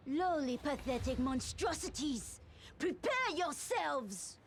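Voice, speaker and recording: High-voiced haughty ninja villainess. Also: female voice, expressive, takes it slowly, heavy background noise, full character voice. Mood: scornful, menacing. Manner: imperious, theatrical threats.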